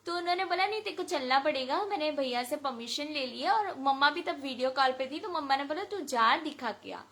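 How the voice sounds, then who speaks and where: A woman from India tells her personal testimony to a devotional gathering, voice high and bright. She retells events in an emotional, animated way, voicing each exchange as she goes. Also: a little fast. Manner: emotional, animated retelling with lots of quoted dialogue. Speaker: devotee sharing a testimony at a satsang.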